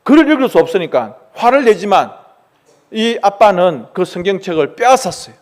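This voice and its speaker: A man preaching, telling a story in a dramatic, animated way to his congregation. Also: sits high, moderate pace. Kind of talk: storytelling sermon.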